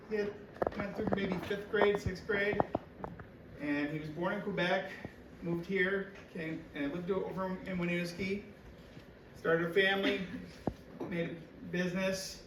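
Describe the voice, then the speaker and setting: A man lecturing on chemistry and rambling through a story in a loose, casual way. His voice sits a bit high for a man and echoes around a big hall. He sounds distant from the mic, with steady noise underneath.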